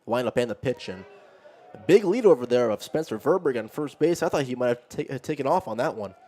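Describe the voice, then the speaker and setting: A male play-by-play announcer with a medium-pitched voice calls a baseball game live. He follows each pitch as it happens in a conversational way. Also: lively intonation, fairly quick, mellow. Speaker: play-by-play commentator.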